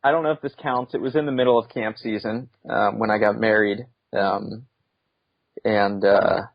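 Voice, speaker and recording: A man as a podcast guest, talking in a casual, hesitant way with many pauses and fillers. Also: fairly low pitch, fairly even intonation, creaky, dry recording, muffled recording. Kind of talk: casual conversation.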